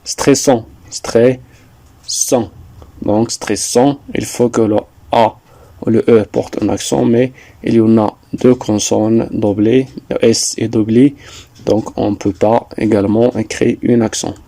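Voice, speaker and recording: A man teaching a French lesson, explaining slowly and deliberately, repeating points with some hesitations. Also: lowish voice, steady tone, creaky, warm tone, no echo. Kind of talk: slow classroom explanation.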